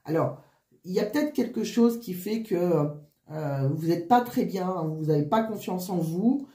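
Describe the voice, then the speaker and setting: A woman giving a casual card reading, wheezy and short of breath with flu, halting and often restarting her phrases. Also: fairly low pitch, lively intonation, warm tone, reverberant. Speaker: tarot card reader.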